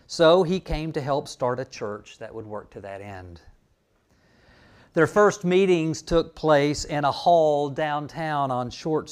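A man's voice: fairly high pitch, darkish tone. Man preaching an anniversary sermon. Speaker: pastor.

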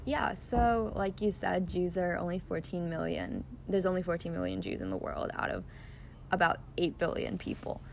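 A young woman with a lower, gravelly voice answers questions earnestly, leaning on fillers as she thinks. She is recorded on a phone outdoors in a backyard. Clear hiss runs under her voice. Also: lively intonation, moderate pace, darkish tone. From Israel, raised in the US. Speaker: interviewee. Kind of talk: casual interview answers.

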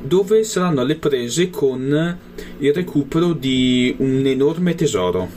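A man's voice: mid-range voice, expressive, takes it slowly, darkish tone, faint music behind. A man answering interview questions casually as a role-playing gamer, hesitating as he searches for words. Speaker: interviewed tabletop role-playing player and game master.

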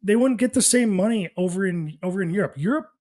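A man's voice: sits high, quick pace, darkish tone. A man co-hosting a casual sports podcast, chatting like a profane frat bro who often stammers and restarts. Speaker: podcast co-host.

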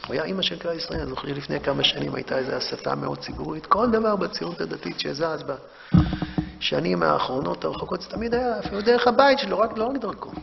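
A man giving an impassioned Torah lecture, rising to loud emphasis and halting to restart his words. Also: on the high side, creaky, noisy background. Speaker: rabbi teaching a memorial class. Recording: dull recording in a reverberant hall.

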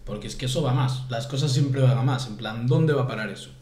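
A young man from Spain co-hosting a podcast, telling animated stories in casual slang. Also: medium pitch, quick pace. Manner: animated storyteller, says "en plan" constantly. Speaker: podcast co-host. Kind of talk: casual chat. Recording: roomy echo.

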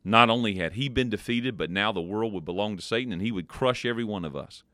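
A man hosting a devotional program, reading a story aloud in a measured, expressive way and then adding a short spiritual reflection. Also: fairly low pitch, no echo. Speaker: devotional podcast host.

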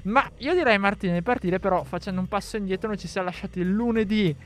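A man's voice: high voice, fast talker. A man hosting a casual football discussion, talking conversationally and leading with questions to his co-panelists. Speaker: host of a football talk show.

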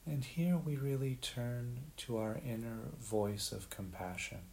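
A man leading a guided meditation in a gentle, unhurried way, leaving long pauses. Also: medium pitch, fairly even intonation, gravelly. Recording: faint background hiss.

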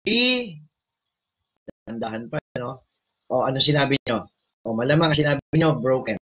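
A Filipino man preaching and leading prayer, switching between Tagalog and English and often asking his listeners questions in a loud, emphatic voice. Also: mid-range voice, expressive, moderate pace, breathy edge, dull audio. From Philippines. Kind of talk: sermon and prayer.

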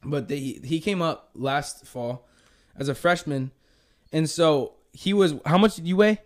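Casting: young male podcast host, slightly high voice, loose rambling chat. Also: unhurried. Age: young adult. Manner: rambling, says "dude" a lot. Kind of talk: casual chat.

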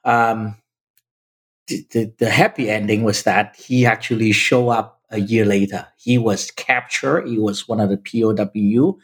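A man in his fifties from Vietnam, whose native language is Chinese, tells his personal story emphatically as a podcast guest, frequently speaking straight to the host. His voice is lowish and husky, unhurried, with fairly even intonation.

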